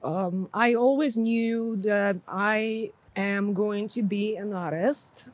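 A woman's voice: mid-range voice, slow pace. A woman in her thirties from Ukraine chats as a guest on a podcast. She talks in a loose, unpolished way, laughs often and swears freely. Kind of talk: casual podcast chat.

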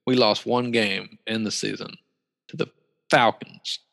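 A man talks sports in a tense, bright voice with gravelly fry, pitched a little low. He is emphatic and blunt, swearing and exaggerating freely. A long roomy echo trails his words. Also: fairly even intonation, measured pace. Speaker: podcast co-host. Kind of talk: casual sports chat.

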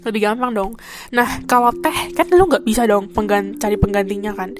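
A woman's voice: medium pitch, a little fast, over music. A young woman from Indonesia hosting a podcast, telling a story in a casual, chatty way full of fillers. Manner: chatty, full of fillers like "kayak" and "gitu kan". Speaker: podcast host. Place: a room in Taiwan.

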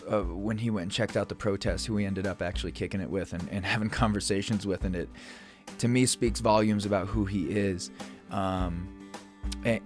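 A man hosting a podcast, talking in a relaxed, loose way with many fillers and restarts. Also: fairly low pitch. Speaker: podcast host. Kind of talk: casual podcast chat.

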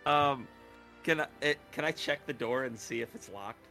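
A man playing a tabletop role-playing game, chatting casually with halting, hesitant speech. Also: medium pitch, gravelly, sharp tone, faint music behind. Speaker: player.

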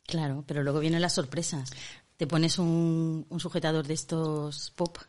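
A woman with a low-pitched voice and a Spain Spanish accent chats casually as a podcast co-host. Her talk is relaxed and good-humored, and she laughs easily. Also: moderate pace. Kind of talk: casual chat.

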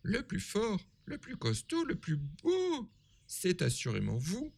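A man voicing three frightened little pigs in chorus in a storybook reading, high and fawning. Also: wildly swooping pitch, slow pace, gravelly, darkish tone, heavily acted.

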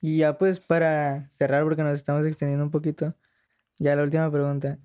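Casting: young male interviewer, slightly high voice, informal and slangy. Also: flat delivery, a little fast, warm tone, clean tone. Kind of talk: casual slangy conversation.

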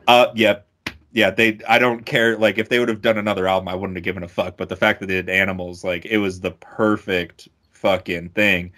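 A young man with a very low, deep voice talks in loose podcast chat. He gushes and curses freely, restarting sentences as he goes. His speech is full of fillers and quick bursts of enthusiasm. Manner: excitable, swears a lot, stumbles over words. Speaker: podcast co-host. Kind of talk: casual music podcast chat.

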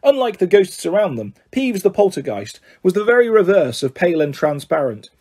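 A man reads a children's novel aloud, shifting his tone expressively from line to line. His voice sits high for a man, soft and mellow, with a husky grain. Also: big pitch swings, a little fast. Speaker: reader.

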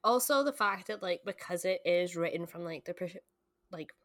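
This podcast co-host, a woman in her late twenties, chats animatedly about books at a moderate pace in a fairly low voice, relying heavily on "like" and swearing a little. The recording has no echo.

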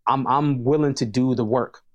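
A man's voice: medium pitch, moderate pace, lo-fi sound. A man, a hip hop artist talking casually as an interview guest, emphatic and prone to repeating words as he starts sentences.

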